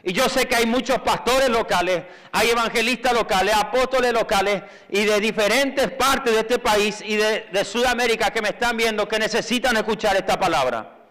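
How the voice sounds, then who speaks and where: Fervent preacher man, high and bright. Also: moderate pace, few pauses, long reverb tail. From Paraguay. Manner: fervent, calls out for the congregation to repeat phrases, rising to shouts. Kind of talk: sermon.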